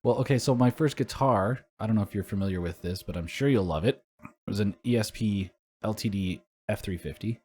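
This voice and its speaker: Husky-voiced young man in casual chat. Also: lowish voice, a little fast, darkish tone. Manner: casual, swears freely, laughs easily. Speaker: podcast co-host.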